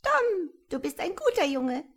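A woman voicing a tiny, ancient, bearded male sprite with a soft, high, piping voice and a brisk, bossy way of talking, reading from a storybook. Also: big pitch swings, heavily acted. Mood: kindly. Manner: brisk, bossy, quick to answer.

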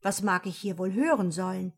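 A woman's voice: medium pitch, normal speed, vocal fry, husky, pitched below the performer's own voice. Woman voicing a naive, wondering fir tree. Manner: wondering, earnest questions.

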